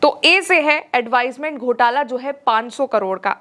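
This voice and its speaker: A woman's voice: high-pitched, moderate pace, fairly bright tone. A woman presenting scripted political news narration in an emphatic, dramatic way.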